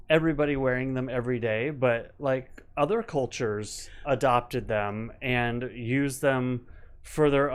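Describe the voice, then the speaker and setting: A man's voice: mid-range voice, smooth. A middle-aged man hosting a casual live-stream chat, easygoing and given to long explanations. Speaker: host.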